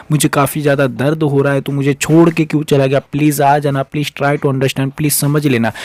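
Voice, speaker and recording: Fast-talking emphatic Indian man coaching. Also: on the high side, a little mellow, no echo. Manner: emphatic, repetitive, acts out pleading quotes. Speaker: relationship coach. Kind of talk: motivational advice monologue.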